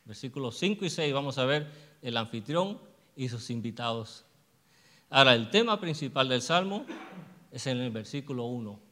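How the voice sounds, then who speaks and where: A man's voice: mid-range voice, lively intonation, sharp tone. Male preacher, sermon delivery, mid-range voice, call-and-answer questions, long church reverb. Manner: asks the congregation questions and answers them himself; slows down to stress verses.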